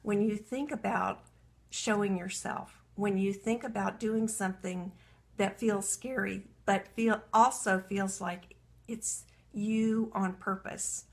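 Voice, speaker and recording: A woman's voice: mid-range voice, fairly even intonation, slow pace. A woman coaching women entrepreneurs in a live video talk. She is earnest and self-reflective, and walks listeners through a writing exercise while reading aloud from her journal.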